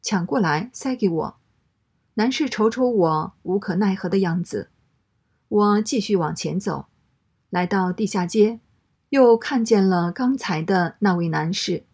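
A woman reading a first-person story aloud in a steady, matter-of-fact way. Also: mid-range voice, measured pace, breathy edge.

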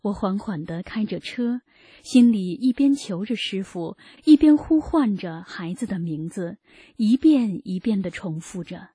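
Earnest woman narrator with a warm, mellow tone, reading a personal testimony. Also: medium pitch, expressive, a little slow, husky, no room sound, clean studio sound. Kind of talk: read first-person narration.

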